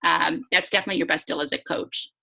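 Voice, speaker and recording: A woman's voice: sits low, steady tone, fast talker, gravelly, pushed and bright, slightly rough. A woman hosting a casual webinar over a video call, chatty and upbeat, often laughing. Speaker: host.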